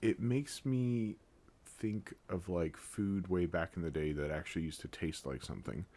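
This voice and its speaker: A man's voice: low voice, normal speed, warm tone. A man co-hosting a casual chat podcast, rambling with fillers and joking as he talks. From Japan. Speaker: podcast co-host.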